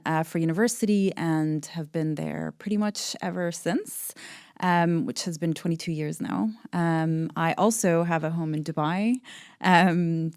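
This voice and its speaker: Smooth, dry-voiced woman in her forties. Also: low-pitched, darkish tone, no echo. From Saudi Arabia. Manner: thoughtful, hesitant, many ums and restarts. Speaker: podcast guest, business founder. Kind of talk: podcast interview.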